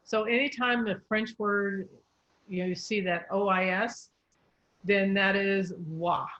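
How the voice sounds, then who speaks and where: A woman's voice: medium pitch, steady tone, a bit bright, a little hiss or hum. Patient woman coach, lo-fi sound. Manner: patient, spells out letters slowly. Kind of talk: pronunciation coaching.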